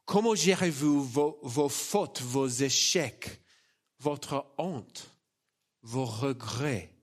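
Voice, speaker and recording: Here a native English speaker from an Australian background preaches in French at a medium pitch. The sermon feels personal and chatty, with an informal, stumbling delivery that pokes fun at himself.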